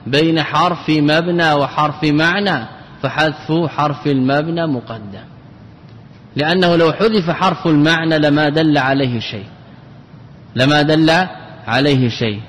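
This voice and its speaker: A male teacher gives a grammar lesson in a fairly high voice, laying out each rule step by step and repeating key phrases. He slows right down whenever he recites an example. His voice carries a long reverb, as if he were speaking in a large hall. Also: fairly bright tone, slight background noise. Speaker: Islamic scholar teaching Arabic grammar.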